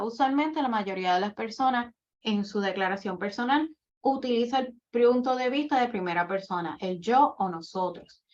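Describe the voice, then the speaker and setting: A woman giving a workshop lecture, explaining writing rules step by step with example after example. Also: a little high. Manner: methodical, lists rules and examples one by one. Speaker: admissions coordinator giving a workshop. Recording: dull lo-fi recording.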